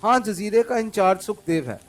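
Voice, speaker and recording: A man's voice: sits high, lively intonation, brisk, pitched above the performer's own voice. A man reading an audiobook, raising his voice to play a defiant young woman who leads a spy gang, from a distant mic over faint music. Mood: sulky. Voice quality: pleading, then sulky and sharp.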